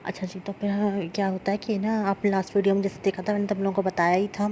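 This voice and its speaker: A woman's voice: mid-range voice, flat delivery, noisy background. A woman vlogger candidly and bluntly retelling a personal story in casual chat, with lots of fillers. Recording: slightly dull lo-fi sound.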